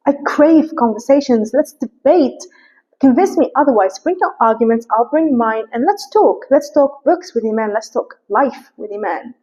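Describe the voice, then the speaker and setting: A woman's voice: fairly high pitch, lively intonation, moderate pace, mellow, slightly rough. A young woman in a sassy, chatty, opinionated book vlog, ranting casually. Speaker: book vlogger. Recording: muffled lo-fi recording.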